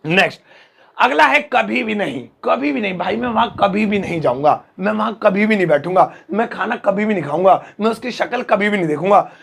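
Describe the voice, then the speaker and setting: A man teaching English phrases to Hindi speakers, drilling each phrase slowly word by word with playful asides to viewers. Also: high-pitched, lively intonation, vocal fry, fairly bright tone, slightly rough. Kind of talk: Hindi-language English lesson.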